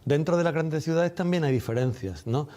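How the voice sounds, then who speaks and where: A man giving measured, didactic interview answers, repeating key phrases for emphasis. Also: fairly high pitch, mellow. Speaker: doctor and medical representative being interviewed.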